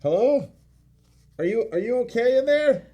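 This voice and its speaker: A man voicing a gentle, calming middle-aged woman who pulls a child from rubble, in a raised soft voice. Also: fairly high pitch, moderate pace, muffled recording, voice pushed up, natural voice. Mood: worried.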